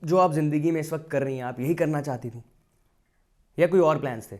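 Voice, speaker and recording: A man's voice: fairly high pitch, a little fast. A man hosts a casual podcast conversation, asking questions and summing up what his guest says. He agrees readily and steers the talk with follow-ups. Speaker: podcast host. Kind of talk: casual interview chat.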